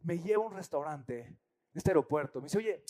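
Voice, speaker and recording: A man telling a story to an audience, animated and acting out the voices of the people in it. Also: fairly high pitch, brisk. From Mexico. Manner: animated, acts out voices and quotes.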